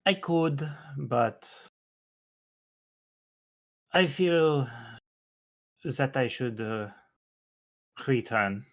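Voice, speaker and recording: A man playing a tabletop role-play game, speaking in character in an earnest, gentle, formal way. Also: medium pitch, expressive, extremely slow, pauses often. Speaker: player.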